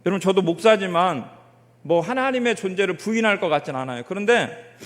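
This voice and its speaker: A man with a fairly high voice preaches at a Sunday afternoon service in a church. He tells his stories with energy and keeps putting questions to the congregation. His words ring out with the long reverb of a church hall. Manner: lively storytelling, asks the congregation questions. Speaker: pastor. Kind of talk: sermon.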